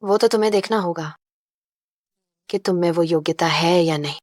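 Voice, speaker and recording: A woman's voice: on the low side, moderate pace, a little mellow, no room sound, studio quality, natural voice. An actress dubbing a coy, calculating young female livestreamer who speaks in a teasing way over faint music. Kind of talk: dubbed drama dialogue.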